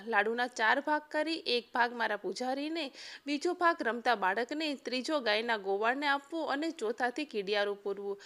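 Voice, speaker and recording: A woman narrating a devotional story in a steady, measured storytelling manner. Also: high-pitched.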